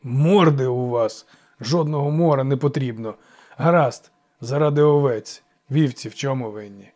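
Man voicing a grumbling goat-horned forest god, gruff, curt, dark tone. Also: medium pitch, normal speed, close to an everyday voice.

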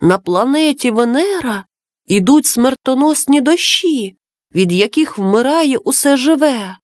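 Storybook: woman doing a wise male dove friend, slow, patient explaining, lilting. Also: sits high, expressive, a little mellow, dry recording, studio quality.

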